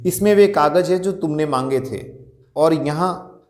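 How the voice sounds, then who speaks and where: A man's voice: a little high, unhurried, reverberant. A male college teacher reading a Hindi story aloud and explaining it line by line, stopping to ask and answer his own questions. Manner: reads a passage then paraphrases it, asks rhetorical questions.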